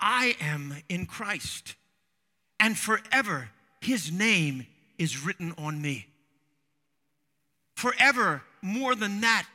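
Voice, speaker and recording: A man's voice: high voice, bright, forceful tone. Man preaching in a reverberant hall. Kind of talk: sermon.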